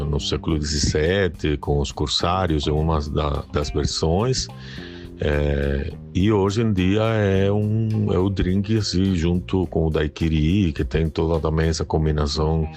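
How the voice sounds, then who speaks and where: A very deep-voiced man talks in an unhurried, measured way, pausing to gather his thoughts. Soft guitar plays faintly underneath as he answers a podcast host. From Cuba. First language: Spanish. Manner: slow, measured, thoughtful with pauses. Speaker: podcast guest, art curator. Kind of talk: casual interview.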